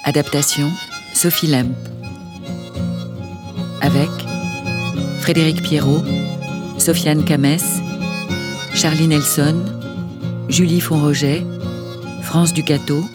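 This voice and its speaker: A woman's voice: low-pitched, steady tone. A woman reading out the closing credits of a radio drama in a formal way. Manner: slow, formal. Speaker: credits announcer. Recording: music playing behind.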